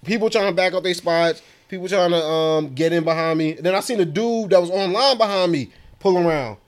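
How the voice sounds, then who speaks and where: A man with a high, bright-edged voice co-hosts a casual podcast. He talks in loose slang and keeps breaking into laughter. His stories come out animated and loose. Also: a little fast. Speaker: podcast co-host. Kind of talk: casual chat.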